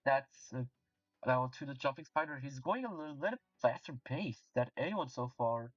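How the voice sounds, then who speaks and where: A young man commentating a game competition play-by-play, halting with fillers and restarts, then breaking into excited shouts. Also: medium pitch, dry recording. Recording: distant dull mic with faint music.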